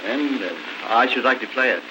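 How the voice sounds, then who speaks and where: Formal hotel manager, all courtesy, little pauses, scratchy old talkie hiss. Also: male voice, medium pitch. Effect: early talkie film sound. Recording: hissy early talkie film soundtrack.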